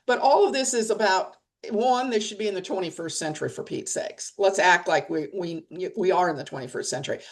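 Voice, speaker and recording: A woman's voice: mid-range voice, brisk, few pauses. A middle-aged woman leading a press association, talking bluntly and emphatically in a webinar discussion over a video call. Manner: blunt, plain-spoken, emphatic.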